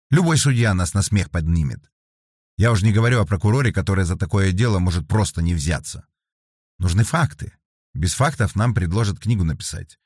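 A man voicing a sharp, sardonic woman investigator in an audiobook, reading her lines higher than his narration, firm and skeptical. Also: husky, no room sound, studio quality. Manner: firm, skeptical, dryly teasing.

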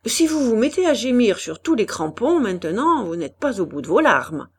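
A man's voice: high-pitched, unhurried, creaky, exaggerated voice. A woman reading the part of a curt, evasive young man in a storybook, speaking brusquely.

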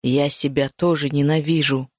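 A woman reading an audiobook voices a remorseful young man who speaks low, slowly and softly as he apologizes. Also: little pitch movement, dry recording, studio quality. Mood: remorseful, soothing. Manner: low, slow, murmured apologies.

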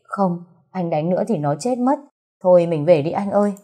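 Woman voicing a soft pleading young heroine. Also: fairly low pitch, lively intonation, normal speed. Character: gentle young woman, the female lead, pleading.

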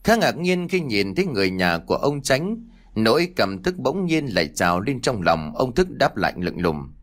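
A man narrating a scripted horror story, with expressive storytelling. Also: mid-range voice, normal speed.

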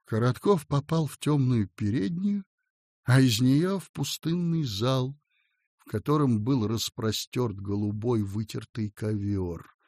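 A man narrating a classic story aloud with a theatrical, expressive reading. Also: mid-range voice, a little slow, no room sound, clean studio sound.

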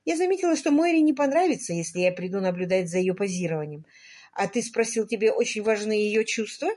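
A woman's voice: mid-range voice, expressive, quick pace, a little mellow, close to an everyday voice. A woman voicing a spirited, teasing young woman. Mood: insistent. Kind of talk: audiobook character voice.

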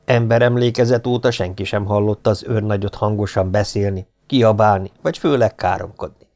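Nyugodt férfi hangoskönyv-felolvasó. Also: male voice, fairly low pitch, steady tone, darkish tone. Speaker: audiobook reader. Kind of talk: scripted narration.

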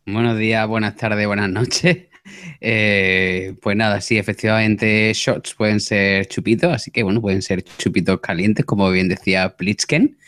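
A man with a fairly low voice contributes to a casual podcast chat. He is halting and repeats words, in a dry, echo-free recording. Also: steady tone, fairly bright tone.

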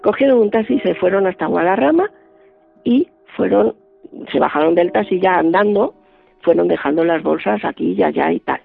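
High, gravelly man on a phone-like line. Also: normal speed, soft background music. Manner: vivid, acts out quoted dialogue. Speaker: guest. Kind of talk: radio interview storytelling. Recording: band-limited dry phone-like line.

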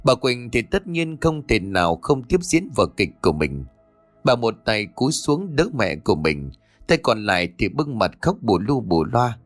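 A man narrating a horror story audiobook in an expressive, dramatic way. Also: lowish voice, moderate pace, no echo. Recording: dry close voice with faint music.

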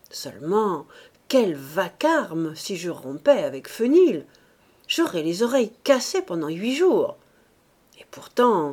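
A woman's voice: lowish voice, darkish tone. A woman voicing a timid, fretful old male bishop who talks in a plaintive, raised voice with anxious outbursts.

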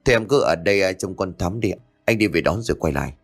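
A man voicing a middle-aged husband and father who talks in a hurried, reassuring way. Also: sits low, lively intonation, soft background music.

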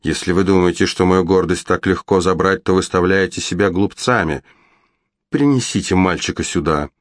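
A man putting on a cold, scheming witch who lingers over every word with slow menace. The voice sits deep and low, and the reading sounds close and dry, with no room around it. It plays as a villain in a storybook. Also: no echo, lightly acted. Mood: menacing. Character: sinister scheming adult female witch.

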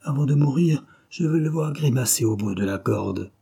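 A man voicing a dying, hateful man who shouts in strained, choked bursts. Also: medium pitch, lively intonation, normal speed, gravelly, husky, pitched above the performer's own voice. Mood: bitter.

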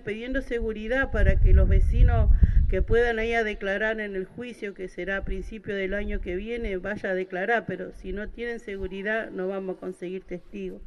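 A man, a parent of victims, giving earnest, halting testimony at a public gathering. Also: high-pitched.

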